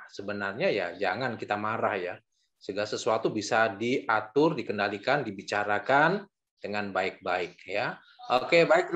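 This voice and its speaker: A man's voice: mid-range voice, a bit bright. Male host moderating a video-call discussion, friendly, keeps inviting questions. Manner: friendly, inviting, frequent "ya" and "silakan". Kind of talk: moderating an online Bible study discussion.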